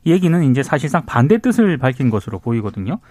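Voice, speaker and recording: A man's voice: medium pitch, very animated, fast, a little mellow, husky, dry recording, clean studio sound. A man briefing the news on radio as a panelist, in an explanatory reporting manner.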